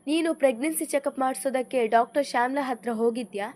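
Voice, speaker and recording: A woman's voice: sits high, fast, darkish tone, natural voice. A woman voicing a grave, demanding mother-in-law who questions her family in a stern way in an audio story.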